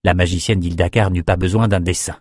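A man narrating a fantasy audiobook in a steady, measured storytelling voice. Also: low voice, no room sound, studio quality.

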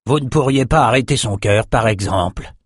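A man's voice: medium pitch, normal speed, husky, no room sound, studio quality, lightly acted. A man voicing a commanding ship captain who barks orders in an audiobook. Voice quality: barking orders. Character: gruff sea-hunter captain, commanding man. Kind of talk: audiobook character voice.

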